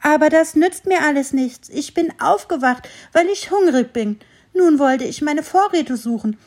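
A woman's voice: sits high, unhurried, a little mellow, voice pushed up. A woman voicing a grumpy little squirrel who complains fussily, for a children's story. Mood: desperate. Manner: fussy, complaining, exclaiming. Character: grumpy little squirrel, cross and easily upset.

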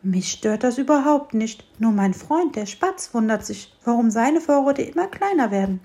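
A woman voicing a small, kind and gently teasing fir tree in a children's storybook. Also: a little high, very animated, normal speed, pitched above the performer's own voice. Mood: friendly.

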